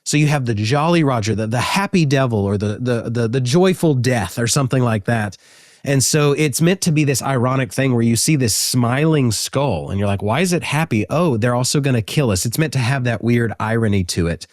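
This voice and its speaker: A man hosting a casual educational talk, animated and joking, with frequent fillers. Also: medium pitch, moderate pace, dry recording, studio quality. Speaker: host.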